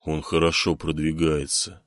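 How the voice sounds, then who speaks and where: A man doing a calm old village elder. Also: very deep voice, no echo, studio quality, pitched below the performer's own voice. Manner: calm, unhurried.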